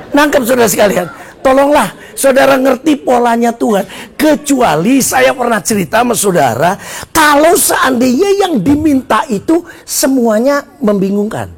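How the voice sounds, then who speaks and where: High, animated pastor preaching. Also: male voice, gravelly. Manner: joking, animated, shifts into quoted voices, shouts at times. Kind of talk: lively sermon. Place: church service.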